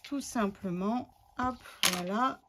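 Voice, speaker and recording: A woman's voice: medium pitch, slow, noisy background. A woman hosting a scrapbooking tutorial, chatting casually and thinking aloud as she works, with many fillers.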